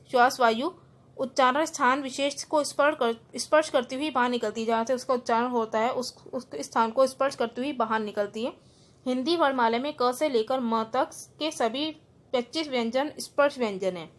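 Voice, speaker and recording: A woman, a school Hindi teacher giving an online class, who explains each rule and then repeats it in simpler words, mixing in English terms. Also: fairly high pitch. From India.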